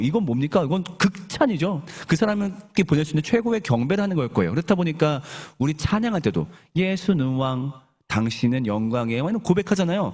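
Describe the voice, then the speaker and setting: A male pastor preaching a sermon in a church, animated and often asking the congregation questions. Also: fairly high pitch.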